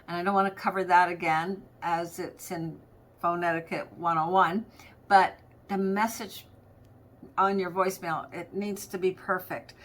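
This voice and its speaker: Her fairly low voice stays level and unhurried as this middle-aged practice management coach delivers an informal training episode. She's conversational, explains through everyday stories and examples, and acts out how to greet callers on the phone.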